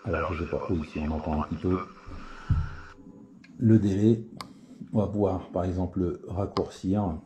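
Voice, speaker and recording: A man's voice: deep voice, steady tone, moderate pace, pauses often, noisy background. A man giving a casual spoken tutorial on radio settings, hesitant, with many fillers and restarts. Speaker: CB radio hobbyist demonstrating settings.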